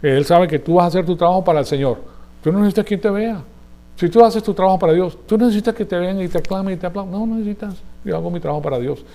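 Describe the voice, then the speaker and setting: A man delivers a rapid-fire Spanish sermon to a gathered congregation, teaching in a chatty, conversational way and often turning to listeners to ask for agreement and check they follow. His mellow, soft-edged voice sits slightly high for a man.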